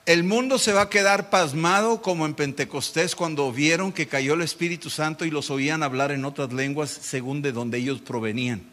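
A middle-aged pastor, preaching a dramatic sermon and acting out mocking voices. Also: male voice, on the high side, normal speed, hardly any pauses, fairly bright tone.

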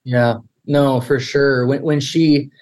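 A man's voice: medium pitch, fairly even intonation, takes it slowly, darkish tone. A man co-hosting a podcast in casual discussion, earnest, who restarts his sentences often while thinking aloud. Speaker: podcast co-host.

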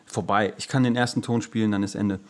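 A podcast co-host chats casually, his fairly low-pitched voice steady in tone as he talks fast. His style is loose and slangy, full of trailing asides.

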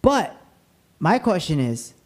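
A man's voice: high voice, big pitch swings, slow pace, darkish tone. A man hosts a podcast in a casual, rambling way. His talk is informal and slangy, aimed straight at his followers and guest. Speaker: podcast host. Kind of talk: casual, rambling host chat.

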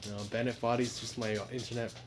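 A man's voice: mid-range voice, little pitch movement, fast talker, a little hiss or hum. A young man co-hosting a casual podcast from his bedroom, joking and laughing often. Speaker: podcast co-host. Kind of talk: casual chat.

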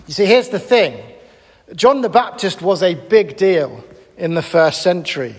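A man preaching a sermon in an animated, conversational and emphatic way. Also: high voice, unhurried, in a large hall.

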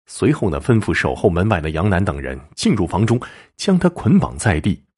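A man narrating a story dramatically, swinging between low murmurs and raised bursts. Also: very animated, brisk, darkish tone, husky.

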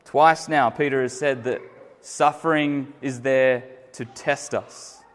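A man's voice: mid-range voice, steady tone, slow. Earnest preacher man in an echoey hall. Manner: earnest, emphatic, swells louder then drops soft. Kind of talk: sermon. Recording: echoey hall with long reverb.

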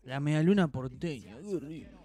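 Playful man, higher voice. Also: lively intonation, normal speed, dark tone, faint music behind. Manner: playful needling banter. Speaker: podcast co-host. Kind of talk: casual joking chat. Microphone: studio podcast microphone.

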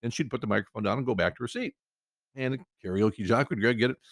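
Gravelly man rambling through a story. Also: medium pitch, quick pace, fairly bright tone, no echo, clean studio sound. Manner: rambling, conversational, with frequent restarts. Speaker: podcast host telling a story. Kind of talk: casual personal storytelling.

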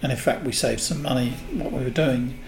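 A man in his sixties from England, a guest in an interview, telling unhurried stories about his past. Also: mid-range voice, vocal fry. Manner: unhurried, anecdotal storyteller. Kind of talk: reminiscing in a casual interview. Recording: echoey room with faint noise.

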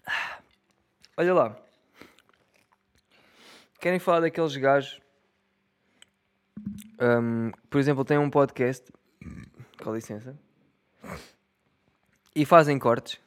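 A man's voice: mid-range voice, slow, long pauses, smooth. A young man in his twenties with a European Portuguese accent, rambling and joking in a casual solo monologue, swearing freely and laughing at his own jokes. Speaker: solo podcaster.

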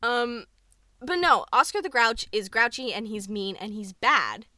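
A woman's voice: a little high, expressive, a little slow, bright, forceful tone, no echo. A young woman co-hosting a podcast in casual chat, playful and teasing, often breaking into laughter. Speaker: podcast co-host.

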